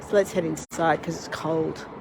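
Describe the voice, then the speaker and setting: A middle-aged Australian woman with a low, steady voice at a moderate pace hosts a live cooking stream, casually greeting each viewer who joins; she runs online tours and cooking classes. She has a cold and is losing her voice. Recorded on her device camera, she starts on an outdoor deck with wind and ambient noise, then moves to her home kitchen.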